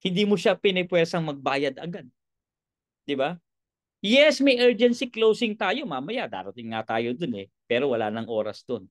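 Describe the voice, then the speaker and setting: A man's voice: a little high, moderate pace, no room sound. Joking male sales trainer, dry sound. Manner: lively, joking, keeps asking "bakit?" and "di ba?"; jumps between loud lines and quiet asides. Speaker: business trainer. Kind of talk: motivational sales seminar talk.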